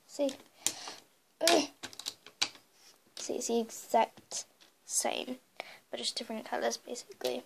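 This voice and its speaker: A high-pitched young girl with a cold, her voice hoarse and croaky, rambles chattily through a casual makeup collection tour. The beauty vlogger uses lots of fillers. She is filmed in her bedroom at home on a hissy phone camera held in hand.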